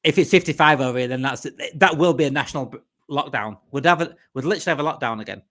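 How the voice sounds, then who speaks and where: Reading viewer comments aloud on his casual fan stream, a Yorkshire man rambles and goes over the same points again. His voice is medium-pitched, quick, and fairly bright, with a clear Yorkshire accent.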